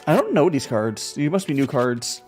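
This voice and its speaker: Faint music runs behind this casual live commentary, in which a streamer plays a card game and thinks aloud with lots of fillers and repeated words. The voice is medium-pitched, sing-song, and a little mellow, moving at a moderate pace.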